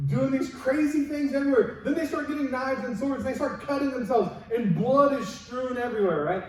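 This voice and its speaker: A man preaching a sermon as a pastor, in an energetic, conversational way with rhetorical questions. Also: very high voice. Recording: very echoey hall, distant mic.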